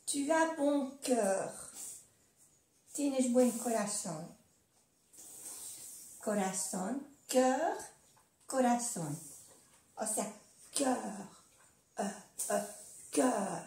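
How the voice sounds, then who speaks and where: An older woman teaching a casual video lesson at home, patient, repeating words slowly and adding little tag questions. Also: fairly high pitch, lively intonation, creaky, dark tone, roomy sound. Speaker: language teacher. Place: indoor room at home.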